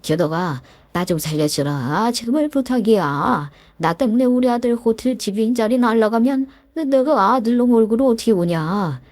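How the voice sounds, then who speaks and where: A woman's voice: a little high, expressive, moderate pace, few pauses, darkish tone, no room sound, pitched above the performer's own voice. A woman voicing a desperate, groveling middle-aged man who once bullied his classmate, pleading and whiny with many fillers. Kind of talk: story narration with acted dialogue.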